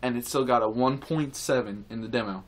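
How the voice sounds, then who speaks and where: Man, mid-pitched, casual rant to camera; rambling, repetitive, indignant and earnest. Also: brisk. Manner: rambling, repetitive, with many restarts and fillers. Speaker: vlogger.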